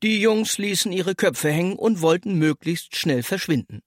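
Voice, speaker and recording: A storyteller reading a children's story aloud with an expressive, animated delivery. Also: mid-range voice, moderate pace, no echo, studio quality.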